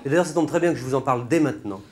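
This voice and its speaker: A man's voice: medium pitch, racing, slight background noise. A man performing a stand-up monologue on stage, rambling through sardonic, mock-indignant asides. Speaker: stand-up comedian. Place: stage before a laughing audience.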